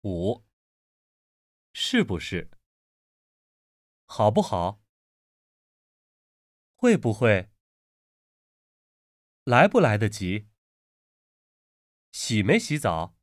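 Very slowly and with long pauses, a man with a fairly low voice reads drill words and sentences as a slow, deliberate Mandarin pronunciation textbook recording. His pitch swoops wildly as he carefully enunciates each item, and the studio-quality sound has no room sound.

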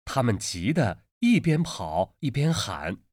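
A man's voice: medium pitch, big pitch swings, slow, a little mellow, no room sound, studio quality. A man reading drill words and sentences for a pronunciation lesson, enunciating each one carefully in a textbook-recording style. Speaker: Mandarin pronunciation lesson reader. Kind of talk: slow, deliberate textbook recording.

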